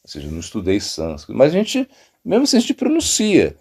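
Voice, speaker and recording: A man's voice: medium pitch, huge pitch swings, fast talker, a little mellow, breathy edge. A middle-aged man with a Brazilian Portuguese accent, a monk giving an informal spiritual talk, rambling, with many fillers and restarts. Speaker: monk teaching.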